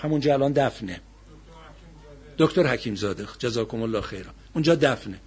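Husky-voiced male preacher giving a sermon. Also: mid-range voice. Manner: storytelling, rising to loud emphatic exhortation. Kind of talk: religious sermon.

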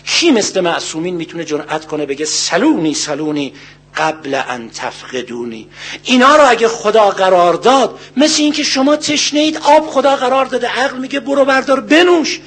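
An older man giving a religious sermon, earnest and full of rhetorical questions, slowly reciting Arabic verses. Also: sits high, a bit bright. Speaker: cleric.

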